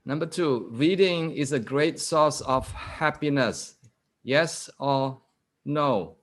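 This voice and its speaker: A male guest lecturer giving an interactive online lecture over a video call. He quizzes his audience and reads statements out slowly, repeating them. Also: a little high.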